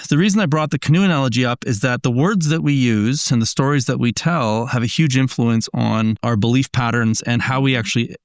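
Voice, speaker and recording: Guy talking on a podcast, earnest and explainy, smooth voice, dry mic. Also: medium pitch, brisk, few pauses, dry recording. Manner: earnest, explanatory, frequent restarts. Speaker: podcast guest. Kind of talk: casual conversation.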